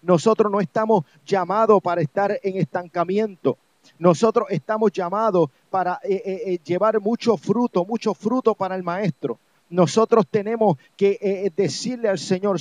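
On a religious program, a Puerto Rican evangelist with a high, steady, slightly mellow voice preaches at an ordinary speed, pressing his audience with phrases he repeats insistently. He has a Puerto Rican accent, and the sound is dull, lo-fi, and dry.

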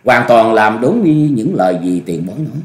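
A man voicing a restrained young male swordsman who answers slowly and quietly. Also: mid-range voice. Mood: calm. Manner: slow, quiet, even replies. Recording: echoey room.

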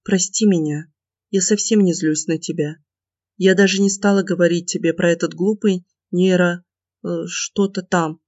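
A man reading the part of a tearful, anxious young woman student in an audiobook, in a soft pleading way. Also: high-pitched, fairly even intonation, moderate pace, dry recording, close to an everyday voice. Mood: tender. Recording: dull lo-fi dry recording.

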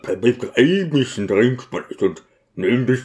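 A stubborn, suspicious deacon, voiced by a man reading aloud, weighing every word. He talks at an unhurried, slow pace in a middle register. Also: mid-range voice, expressive, a little mellow, close to an everyday voice.

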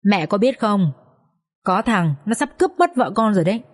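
A woman's voice: medium pitch, big pitch swings, normal speed. Woman reading as a slurring drunk husband. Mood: sullen. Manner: slurred, sneering. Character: drunk, jealous, abusive young husband.

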